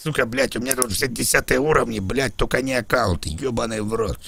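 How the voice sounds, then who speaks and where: A man's voice: medium pitch, fairly quick, creaky, bright, forceful tone, breathy edge, dry recording. A man trolling other players in a game voice chat over a headset, crude and provocative, pleading in mock distress. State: claims to be drunk.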